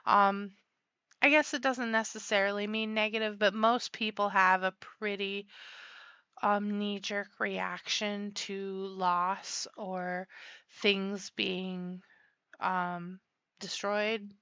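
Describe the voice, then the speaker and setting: A woman's voice: medium pitch, flat delivery, slow, pushed and bright, smooth, no room sound, dull audio. A woman giving a casual tarot reading, chatty and rambling, with frequent laughs and fillers. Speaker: tarot reader.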